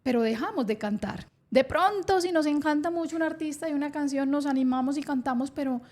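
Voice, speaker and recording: A woman's voice: high voice, fairly quick, darkish tone. A woman hosting a science podcast, explaining with enthusiasm and an occasional laugh. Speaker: podcast host.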